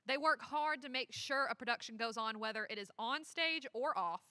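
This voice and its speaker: A woman with a high, bright, sharp voice hosts a live telethon and reads out awards. She laughs easily between lines. Her voice is dry and close, with no room echo. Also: normal speed. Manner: giggly, breaks into laughter between announcements. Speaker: telethon host.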